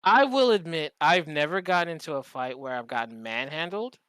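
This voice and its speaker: Hosting a podcast, this man tells stories with emphasis and profanity, repeating phrases for effect in a casual, animated chat. His fairly high, fairly bright voice moves quickly with lively intonation. The tone is clean, with no echo.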